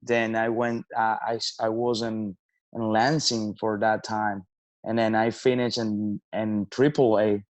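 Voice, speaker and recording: A man, a baseball manager answering interview questions in halting speech, with many restarts and fillers. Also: lowish voice, level tone, no echo. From Venezuela. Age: 30s.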